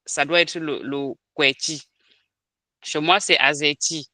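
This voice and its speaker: A man's voice: fairly high pitch, fairly even intonation, slow, pushed and bright, dry recording, clean studio sound. A man leading an online training session, explaining a keyboard step by step, hesitant with many restarts and fillers. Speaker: language trainer.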